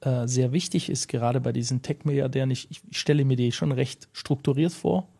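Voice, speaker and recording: Gravelly-voiced male interviewer. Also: medium pitch, steady tone, a little fast, mellow. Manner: thoughtful, prompting with short affirmations. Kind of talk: conversational interview.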